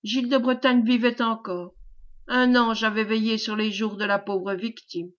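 A woman's voice: on the high side, steady tone, moderate pace, close to an everyday voice. A woman reading the speech of a humble peasant man who tells a grim tale with earnest fervor. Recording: dull lo-fi recording.

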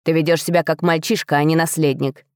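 A woman voicing a cold, calculating older king who speaks slowly and commands without raising much heat. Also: low voice, level tone, clear, resonant tone, dry recording, studio quality, close to an everyday voice. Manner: slow, cool, commanding.

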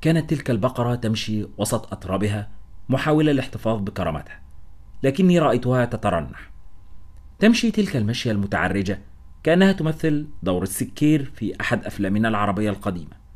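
A man narrating a first-person adventure story as an audiobook. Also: mid-range voice. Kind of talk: scripted narration.

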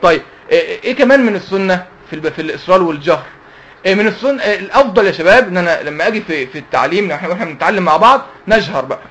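A man's voice: high voice, expressive, rapid-fire, a bit bright, lo-fi sound. A man with an Egyptian accent teaching a Quran lesson to young people, asking questions and answering them himself. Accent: Egyptian Arabic. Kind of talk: religious lesson to youth.

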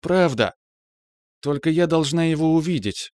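A man voicing a tender, teasing young woman who speaks to her lover in a soft, cooing way. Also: a little high, animated, unhurried, dry recording, studio quality, pitched above the performer's own voice. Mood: earnest.

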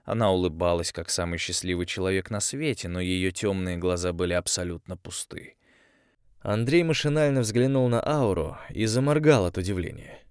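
A man narrating an audiobook in an expressive, measured storytelling manner. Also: deep voice, clear, resonant tone, dry recording, clean studio sound. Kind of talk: scripted narration.

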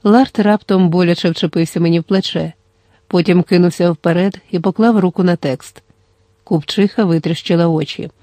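Mellow, dry audiobook narrator. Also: mid-range voice, steady tone, normal speed, no echo. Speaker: audiobook reader.

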